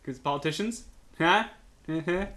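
A man's voice: a little high, moderate pace, pushed and bright. A man playing a video game, making sarcastic jokes to himself and swearing as he plays. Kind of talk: casual let's-play commentary.

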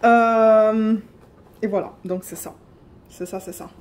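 A woman chatting excitedly on her home craft vlog, filling pauses with fillers and breaking into squeals. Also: fairly high pitch. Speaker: diamond painting vlogger.

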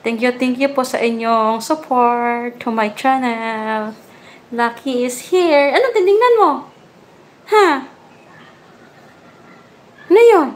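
A woman hosting a casual livestream, chatting with viewers and cooing baby talk at her puppy. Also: sits high. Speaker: livestream host.

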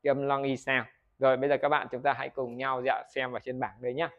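A man's voice: mid-range voice, flat delivery, fast, highs cut off. A Vietnamese man teaching English pronunciation in a video lesson. He keeps asking the viewers questions, answers them himself and models words for them to repeat.

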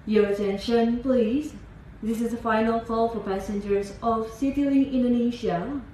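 Woman announcing slowly over an airport PA system. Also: on the high side, warm tone. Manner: slow, measured, formal announcing. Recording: echoey, faint background hiss.

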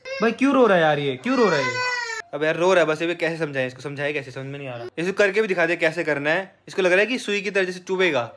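A man's voice: a little high, a bit bright. A young man filming a casual home vlog, patiently coaxing and explaining things to a sick child. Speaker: vlogger. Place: family home.

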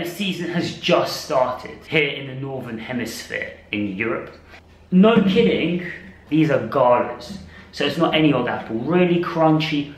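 A man's voice: fairly high pitch, reverberant, low-quality recording. A man in casual vlog chat, enthusiastic and chatty, laughing often as he shows his shopping. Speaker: vlogger.

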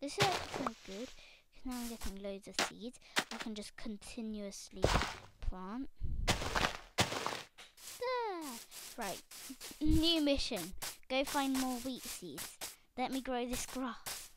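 A young woman, chatting excitedly to viewers while she plays a game. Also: a little high, takes it slowly. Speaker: gaming channel host. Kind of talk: casual gameplay commentary. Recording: loud background noise.

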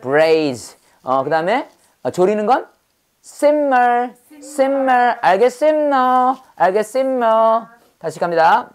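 A woman teaching English vocabulary in a brisk call-and-response drill. She fires off quick questions and repeats each word over and over. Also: a little high, sing-song, smooth.

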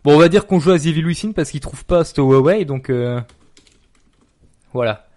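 A man streaming a horror game live, talking casually, excitable and jumpy, swearing and laughing often. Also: a little high, moderate pace. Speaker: streamer playing horror games.

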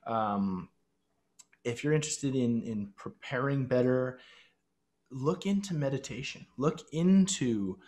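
A man's voice: mid-range voice, darkish tone. A man in his thirties, a fitness and lifestyle coach, giving earnest advice as a podcast guest on a video call through a headset. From Canada. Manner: earnest, coaching, talks straight to listeners. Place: small home room.

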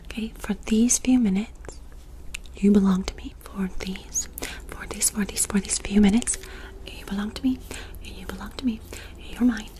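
Casting: young female ASMR artist, whispered role-play as a healer, breathy and close-miked, fast and insistent, commanding, with rapid-fire repetition. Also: mid-range voice, steady tone, dark tone, rough recording. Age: young adult. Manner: commanding, directing the listener to focus. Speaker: ASMR performer playing a reiki healer. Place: small dark room indoors. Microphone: close desk microphone.

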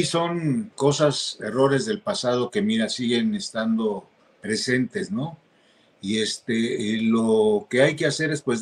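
A man answering interview questions in a hesitant, halting way, with many restarts. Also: medium pitch. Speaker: interview guest.

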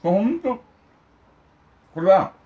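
Indignant older man, lively pitch. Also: slow pace, narrow, tinny audio. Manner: indignant, emphatic, lecturing the viewers. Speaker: vlogger. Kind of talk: ranting while eating lunch.

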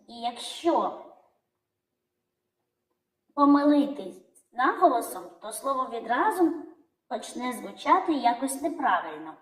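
A woman teaching young children, calling out words in a drawn-out sing-song way. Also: sits high, echoey room, low-quality recording. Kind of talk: children's lesson narration.

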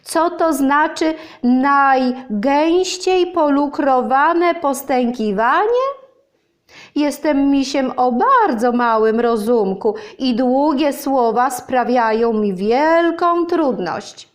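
A humble, small-brained honey bear from a children's storybook, put on by a woman reader. He speaks politely and timidly, in a voice raised higher than the reader's own. His delivery is unhurried. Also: lively intonation. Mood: puzzled humble. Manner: polite, timid, stumbles over long words.

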